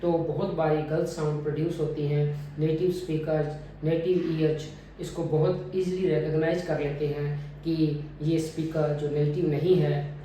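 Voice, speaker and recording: A man teaching a phonetics lesson, deliberately modelling each vowel sound over and over. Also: on the high side, dark tone, slight background noise. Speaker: English pronunciation teacher. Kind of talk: phonetics lesson with drilled repetitions. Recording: very echoey room, mic at a distance.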